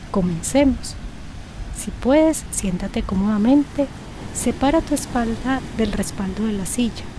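A woman hosting a guided breathing exercise, counting breaths slowly in soft, measured, falling tones. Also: on the high side, slight background noise, low-quality recording. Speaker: host of a guided breathing show.

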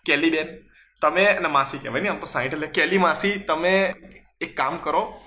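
A man's voice: fairly high pitch, normal speed, sharp tone, slight background noise. A young man hosting a comedic mock news monologue, sarcastic, mixing in English words. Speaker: host. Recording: echoey room.

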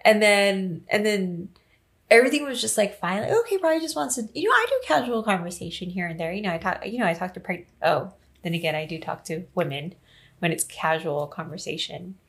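A young woman co-hosting a podcast, telling an animated story in casual chat and laughing often. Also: fairly low pitch, brisk. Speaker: podcast co-host.

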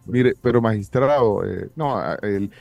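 A man's voice: lowish voice, unhurried, vocal fry, dry recording, dull audio, soft background music. A man hosting a live talk show, chatty and joking, with frequent restarts. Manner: lively, chatty, joking, stammering. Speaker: TV show host. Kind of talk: casual live interview. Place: hotel, indoors.

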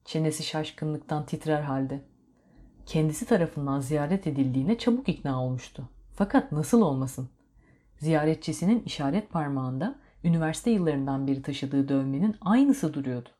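A woman narrating a story in a steady, measured reading voice. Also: low voice.

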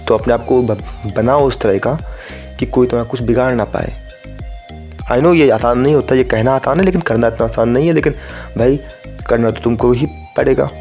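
A man's voice: medium pitch, a little fast, darkish tone, faint music behind. A young man from India hosting a solo podcast, talking casually and directly to his listeners and slipping English phrases into his sentences. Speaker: podcast host.

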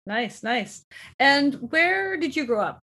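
A woman's voice: high voice, sing-song, slow pace, vocal fry, bright, forceful tone. A woman hosting a podcast, talking in a casual, conversational interviewing style. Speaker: podcast host.

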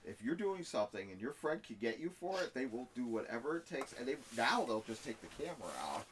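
A man's voice: medium pitch, animated, fast talker, a little hiss or hum. A man co-hosting a casual group podcast chat, teasing and joking with the others. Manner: teasing, joking, laughs a lot. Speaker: podcast co-host.

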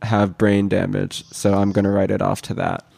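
A man hosting a casual podcast in a low register, thick with vocal fry. He sounds sick and jet lagged, talking in loose, halting slang. The recording is very dry. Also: monotone, a little mellow, dry recording. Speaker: podcast host. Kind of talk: casual banter.

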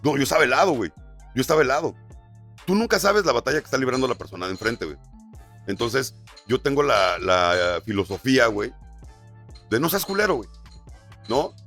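A man's voice: medium pitch, animated, a little fast, pauses often, a bit bright, faint music behind. A man who works as a radio announcer, telling stories in casual podcast chat full of slang. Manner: storytelling, peppered with slang.

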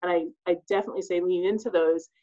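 A woman's voice: on the low side, steady tone, quick pace, mellow, muffled recording. A woman, a school social worker, speaking as a guest on a podcast and explaining her work earnestly, with some fillers. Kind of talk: casual podcast interview.

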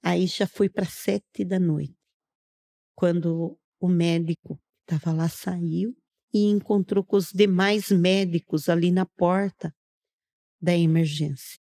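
A woman's voice: fairly low pitch, fairly even intonation, slow, vocal fry, dark tone. A middle-aged woman from Brazil, earnestly telling a personal testimony on a podcast, narrating step by step and acting out what others said. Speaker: guest giving a testimony. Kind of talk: casual storytelling on a podcast.

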